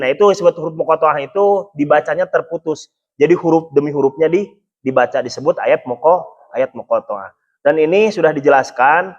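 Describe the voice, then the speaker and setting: A man's voice: a little high, highs cut off. A man teaching a Quran study lecture in a patient, explanatory way, often adding a checking "ya". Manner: explanatory, repeating "ya" to check understanding. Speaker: Islamic religious teacher.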